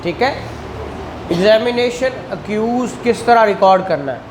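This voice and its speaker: The speaker is a man with a Pakistani accent whose high-pitched, expressive voice moves at normal speed as he lectures a class on law. Didactic in style, he questions the students and repeats key phrases. The indoor classroom is echoey with clear background noise.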